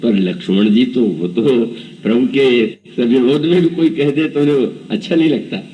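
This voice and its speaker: Recorded from a distant mic with poor audio, a man in his 70s preaches a devotional scripture discourse. He narrates the story, acts out the characters' lines, and chants verses, in a warm, medium-pitched voice at a moderate pace.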